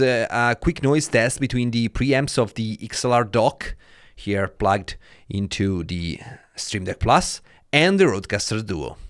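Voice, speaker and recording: A man with an Italian accent gives a relaxed product review at a mid-range pitch. He talks in a chatty way, sprinkling in "uh" and "like" as he goes. His voice comes through a close dynamic studio mic. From Italy. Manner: chatty, many fillers like "uh" and "like". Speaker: tech reviewer. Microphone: dynamic studio mic through an audio dock.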